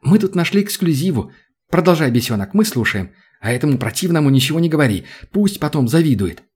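A man's voice: sing-song, fast, darkish tone, breathy edge, exaggerated voice. Man putting on a chirpy eager young woman. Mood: excited. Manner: high, eager chatter. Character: young female adventurer, excitable and chirpy.

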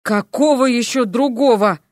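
A woman voicing a stubborn, sharp-tongued female frog who teases and demands answers. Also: on the high side, a little slow, no room sound, clean studio sound, lightly acted. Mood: demanding. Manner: teasing, demanding.

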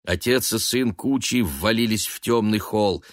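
A man's voice: on the low side, unhurried, no room sound, clean studio sound. A man narrating a novel as an audiobook, reading expressively and dramatically.

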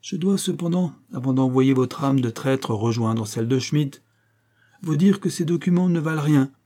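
A man's voice: a little high, expressive, moderate pace, mellow, voice pushed up. A man voicing a mocking, cold-blooded master criminal in an audiobook, speaking in a raised, sneering voice. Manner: sneering, icy.

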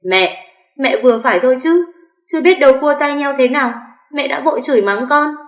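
A woman voicing a wronged young wife who shouts in outrage, in an echoey room. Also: sits high, lively intonation, brisk, pitched above the performer's own voice. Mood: outraged.

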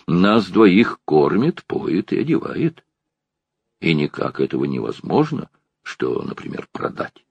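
A man reading an audiobook, voicing a proud, gruff old male organ-grinder who talks with grumbling dignity. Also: rumbling low, wildly swooping pitch, measured pace, a little mellow, no room sound, highs cut off, heavily acted. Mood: dignified.

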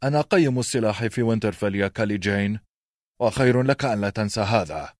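A man's voice: lowish voice, fast, no echo, studio quality, close to an everyday voice. A man voicing a stern, older master-at-arms in an audiobook, firm and commanding.

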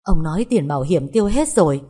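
A woman's voice: deep voice, lively intonation, quick pace, warm tone, breathy edge. A woman voicing a distressed middle-aged wife who scolds and pleads with her husband in an audio story. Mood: upset.

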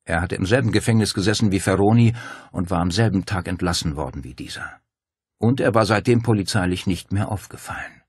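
A man reading a crime novel aloud in a calm, measured narration. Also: low voice, breathy edge, no echo, clean studio sound. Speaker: audiobook narrator.

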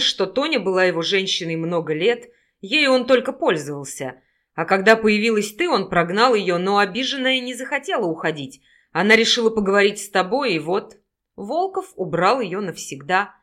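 Woman reading a contemptuous lycan investigator guy, loud and sneering, pushes hard on words. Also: mid-range voice, big pitch swings, moderate pace. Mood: scornful. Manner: contemptuous, raises voice to shout. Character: scornful male werewolf investigator, menacing.

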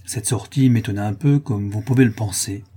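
A man calmly narrating a classic story as an audiobook reader, with measured storytelling. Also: on the low side, slightly rough.

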